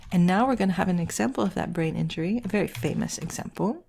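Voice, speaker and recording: Speaking quickly, a writing teacher walks through the editing of a text, raising questions aloud and supplying her own answers. Her fairly low voice is animated, warm and gravelly.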